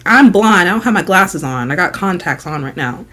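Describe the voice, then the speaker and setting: A young woman vlogger telling a story in casual chat, slangy and animated, dropping to hushed asides and rising to loud exasperated bursts. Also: on the low side, moderate pace.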